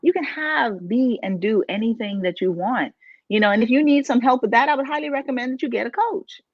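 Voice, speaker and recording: A woman's voice: on the high side, a little fast, dry recording. Emphatic woman coach from the Bahamas. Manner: emphatic, preachy, asks rhetorical questions. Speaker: life coach and podcast co-host. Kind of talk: motivational podcast talk. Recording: dull, dry, lo-fi sound.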